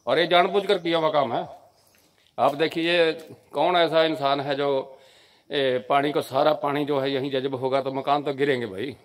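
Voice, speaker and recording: A man's voice: on the high side, steady tone, normal speed. Earnest Punjabi man reporting on site. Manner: earnest, repetitive, pointing things out. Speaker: social video reporter. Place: outdoors at a village house.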